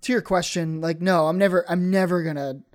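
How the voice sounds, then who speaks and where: A man's voice: high-pitched, steady tone, fairly quick. A man, a stand-up comedian, chatting casually on a podcast, rambling with many fillers and restarts.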